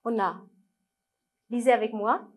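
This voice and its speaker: A woman teacher with a Moroccan accent, slowly sounding out words and syllables for young children to repeat. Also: a little high. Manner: slow, clearly syllabled, repeating words for children to read along. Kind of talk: French lesson for young children.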